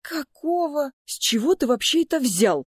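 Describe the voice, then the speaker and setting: A woman voicing a hot-headed young male twin mage, shrill and exasperated. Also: a little fast, darkish tone, no echo, clean studio sound, lightly acted. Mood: indignant.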